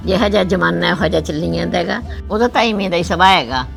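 A woman playing a frail, gentle elderly village mother with a Punjabi accent, consoling her daughter. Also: on the low side, rapid-fire, gravelly, faint music behind. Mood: tender. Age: older. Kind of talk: village drama acting.

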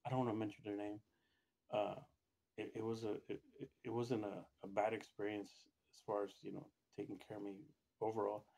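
A man telling a personal story in casual speech, rambling and halting, with many restarts and fillers. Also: lowish voice, level tone, vocal fry, warm tone. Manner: acts out other people's quoted lines in a raised voice. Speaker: storyteller recounting a personal experience.

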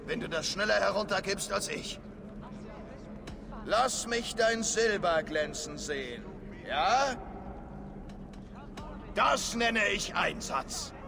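Gravelly, boisterous Viking drinker. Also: male voice, high voice, background noise, exaggerated voice. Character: boisterous Viking drinker issuing a mead challenge. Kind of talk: video game voice acting.

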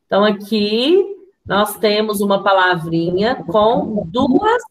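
Over a computer video call with poor audio, a woman teaches young children online as a primary school teacher. She has a Brazilian Portuguese accent and a medium-pitched, sing-song voice, and she speaks slowly. Patient with the class, she breaks words into syllables and asks them questions.

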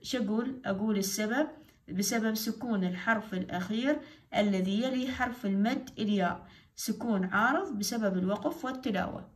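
A woman's voice: mid-range voice, brisk. A woman teacher explaining a religious studies exercise step by step, repeating each answer. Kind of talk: lesson on Quran recitation rules.

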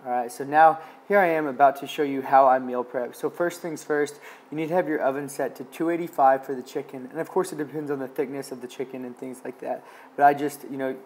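A man's voice: medium pitch, fairly even intonation, quick pace, a little mellow. Upbeat young man explaining meal prep. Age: young adult. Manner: upbeat, instructive, keeps saying okay. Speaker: medical student vlogger. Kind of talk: casual how-to vlog narration. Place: home kitchen indoors and grocery store.

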